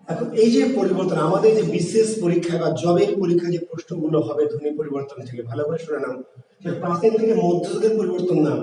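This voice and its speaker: A man's voice: sits high, dark tone. A man from Bangladesh, teaching an exam-prep lesson, asking rhetorical questions and repeating key words. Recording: echoey room, voice from far off.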